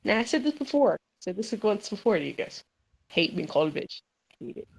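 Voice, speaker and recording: A young woman co-hosting a podcast, telling a story in animated, slangy casual chat. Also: medium pitch, fairly quick, vocal fry, slightly rough, low-quality recording. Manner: animated storytelling, slangy, says "bro" and "dude". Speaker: podcast co-host.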